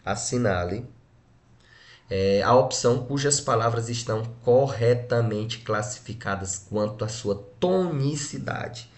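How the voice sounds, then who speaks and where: A man's voice: mid-range voice, lively intonation, unhurried. A Brazilian man teaching a grammar lesson, splitting words syllable by syllable and checking in with short tag questions. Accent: Brazilian Portuguese. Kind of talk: exam-prep grammar lesson.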